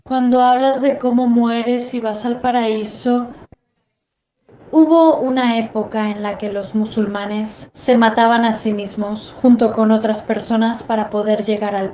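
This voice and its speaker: A woman in the audience, with a voice on the higher side, speaks up during the question session. She sounds hesitant and thoughtful as she makes her point, and a faint background noise runs under her voice. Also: darkish tone. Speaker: audience member asking a question.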